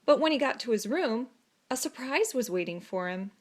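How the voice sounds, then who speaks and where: High, animated woman reading a storybook. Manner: dramatic, deliberate phrasing with emphatic pauses. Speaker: storybook reader. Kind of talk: expressive children's story narration.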